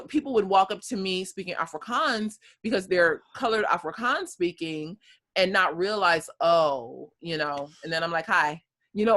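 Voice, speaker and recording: Speaking casually as a guest, a thirtysomething woman from the United States recounts her story, laughing easily and using plenty of fillers. She has a fairly low-pitched voice that sounds pushed and bright.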